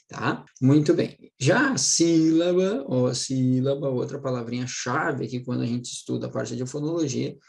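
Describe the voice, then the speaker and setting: A middle-aged man gives a relaxed online grammar lesson, his mid-pitched voice roughened by a gravelly fry. He talks to his students like friends, checking in after nearly every phrase and slowing down to lean on the words he wants them to remember. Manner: chatty, keeps checking in with "tá?" and "né?"; slows down and stresses words to explain them. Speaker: Portuguese teacher for exam prep. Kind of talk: casual recorded online lesson.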